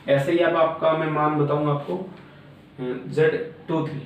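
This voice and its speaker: A man's voice: fairly high pitch, level tone, a little slow. A man teaching circuit theory at a board, explaining step by step and repeating filler words. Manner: repetitive filler-laden explaining, frequent "aapka". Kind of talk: classroom lecture at a board. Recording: very echoey room, mic far off, faint noise.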